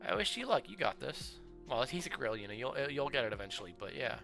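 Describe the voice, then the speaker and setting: A young man streaming casual commentary on viewers' game builds, chatty and full of fillers, with excited outbursts. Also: medium pitch, fast, vocal fry. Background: faint background music.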